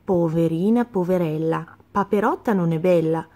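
A woman's voice: on the low side, moderate pace, dark tone, close to an everyday voice. A woman voicing a sulky little girl duckling in a storybook, with short sulky answers and sing-song rhymes.

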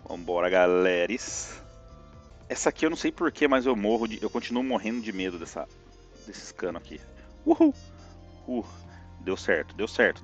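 A man with a Brazilian Portuguese accent giving lively live commentary on a platform game, yelping and groaning at each jump. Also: fairly low pitch, dull audio. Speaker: streamer playing a platform game.

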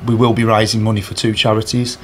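Recorded indoors against a sponsor board, a man who organises a charity match answers an interviewer's questions earnestly, with plenty of fillers and restarts. His fairly low voice is entirely flat and fast, and the handheld recorder the interviewer holds picks up a faint hiss or hum.

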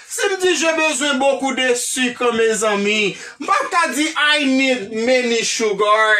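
A woman's voice: sits high, pushed and bright. A woman with a Haitian accent teaching an English lesson, emphatic and checking in with the class again and again. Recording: voice a bit far from the mic.

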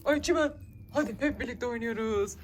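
A mother hosts a kids' play vlog, coaxing her children and addressing viewers with lots of exclamations and questions. Her voice is a little high and brisk, with music and slight noise in the background.

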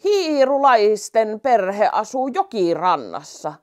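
A woman's voice: mid-range voice, sing-song, a little mellow, close to an everyday voice. A woman voicing a friendly old circus giraffe who is a little proud of his tightrope walking. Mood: chatty.

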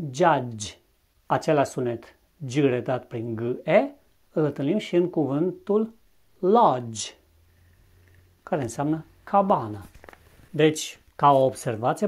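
Deliberate language teacher, careful diction. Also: mid-range voice, darkish tone. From Romania. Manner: slow and deliberate, repeating example words with careful pronunciation. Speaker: English teacher. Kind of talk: scripted video lesson narration.

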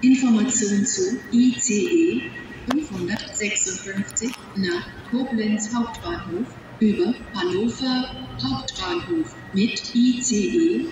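A woman making scripted train platform announcements in a flat, measured manner, heard over a station loudspeaker. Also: medium pitch. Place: large train station hall, heard over public address. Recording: echoey station loudspeaker from far off.

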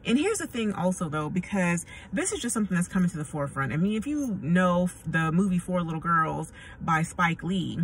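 A woman's voice: lowish voice, lively intonation, brisk, hardly any pauses. American woman chatting casually in a noisy car. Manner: blunt, slangy, conversational. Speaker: vlogger. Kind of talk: casual rambling chat to camera. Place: inside a car. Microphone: phone at arm's length. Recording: distant mic, noisy car ambience.

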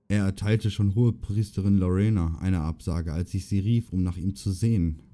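A man voicing a gruff, fatherly old king. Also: deep voice, normal speed, lightly acted. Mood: calm. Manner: grumbling, calm. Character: gruff older male king, calm and fatherly.

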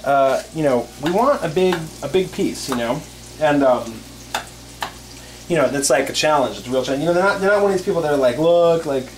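With a fairly high, animated voice and a fairly quick pace, a young composer clowns through his casual home cooking show, rambling mock-earnestly and using lots of fillers. He's indoors in a small kitchen with a brick wall, and the low-quality recording carries slight background noise.

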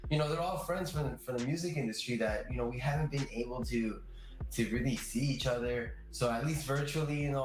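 Young male musician guest, casual and rambling, echoey home video call. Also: mid-range voice. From Miami. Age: young adult. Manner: chatty, many fillers. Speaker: percussionist guest. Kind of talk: casual interview. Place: room at home. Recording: roomy video-call audio.

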